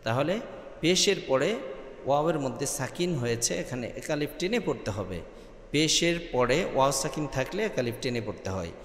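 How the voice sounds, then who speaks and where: A man leads a careful recitation lesson, spelling out each letter and vowel sign, then chanting the verse slowly. His voice sits at an ordinary middle pitch. The room around him is roomy, and each phrase trails off in a long echo. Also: lively intonation, a bit bright. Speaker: Quran recitation teacher. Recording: echoey room with long reverb.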